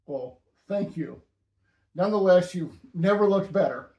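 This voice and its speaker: Dull audio carries a man's unhurried, fairly high voice as he hosts a relaxed chat about stamps. His facts and jokes come out dry and deadpan, and there's a noticeable echo around him.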